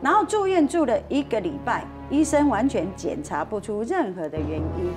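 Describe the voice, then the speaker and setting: A Taiwanese woman tells a family story on a talk show, with a lot of melody in her voice. She acts out the people in the story and mixes in Hokkien phrases. Music plays clearly underneath. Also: on the high side, sing-song, normal speed, darkish tone. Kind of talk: animated anecdote telling.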